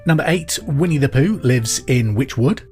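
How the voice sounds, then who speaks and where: This Englishman hosts a pub quiz podcast with a medium-pitched, slightly mellow voice, lively intonation, and a moderate pace. He's conversational, clearly repeats each question, and music plays behind him.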